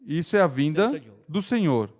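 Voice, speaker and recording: A man preaching a sermon slowly and deliberately, in short measured phrases. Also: a little high, big pitch swings, darkish tone. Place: large church hall. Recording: long reverb of a large hall.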